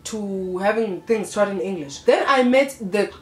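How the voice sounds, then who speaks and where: A young South African woman hosting a casual chat, telling stories in an animated way. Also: medium pitch, echoey room. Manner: animated, code-switching, quick storytelling. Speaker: host.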